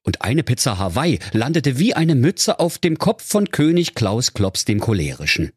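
A man's voice: mid-range voice, big pitch swings, normal speed, slightly rough, dry recording. Brief: male storyteller, mock-solemn comic reading, dry close sound. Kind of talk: comic fairy-tale reading.

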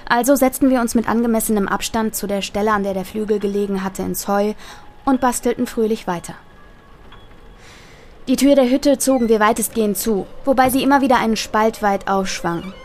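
A woman's voice: fairly high pitch, brisk, slight background noise. A woman reading a scripted horror story aloud, her voice tightening and rising as the tension builds. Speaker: narrator.

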